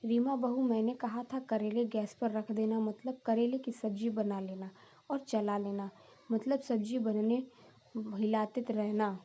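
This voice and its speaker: A woman's voice: a little high, steady tone, a little slow, dark tone, dull audio. A woman voicing a stern, scolding middle-aged mother-in-law in a cartoon story.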